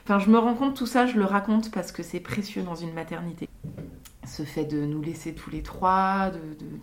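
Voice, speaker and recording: A young woman and mother telling her own birth stories in an unscripted, hesitant way, with many pauses and fillers. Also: fairly low pitch, a little hiss or hum. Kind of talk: unscripted personal testimony.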